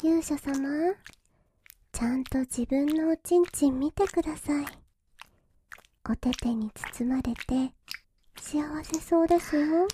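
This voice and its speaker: A teasing young masseuse, voiced by a woman, whispers close and slow in a high, mellow voice. She coaxes gently and giggles, and her words drift out unhurried in an intimate ASMR roleplay. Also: slight background noise. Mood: coaxing whisper. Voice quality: soft breathy whisper. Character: teasing young female masseuse tending a hero.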